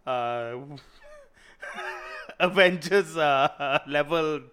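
Higher-voiced, sweary Malaysian man, very animated. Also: drawn-out words, smooth. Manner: colloquial Malaysian English with lah particles, sweary. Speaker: podcast co-host reacting to the story. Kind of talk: casual banter.

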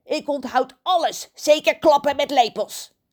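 A woman's voice: fairly low pitch, moderate pace, darkish tone, slightly rough. A woman voicing a cheeky, mischievous male crow in a storybook, teasing and boastful. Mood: gleeful. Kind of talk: storybook character voice.

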